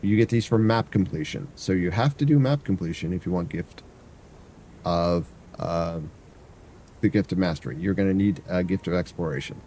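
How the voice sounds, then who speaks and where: A variety streamer with a deep, warm voice and a stuffy nose chats casually at a moderate pace while walking through a game on a live stream. He rambles, thinks aloud and hums to himself, with a little hiss or hum in the audio.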